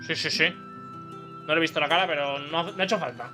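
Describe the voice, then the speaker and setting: Male gamer, Spain Spanish accent: slightly high pitch, casual, slangy, joking commentary over music. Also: brisk. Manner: slangy, jokey, talks back to characters. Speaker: gamer hosting a playthrough. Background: game music and dialogue.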